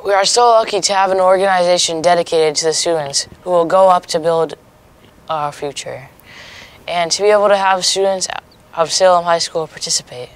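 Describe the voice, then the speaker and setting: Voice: mid-range voice, fairly even intonation, brisk, smooth. A young adult reading scripted news as co-anchor of a student mock newscast.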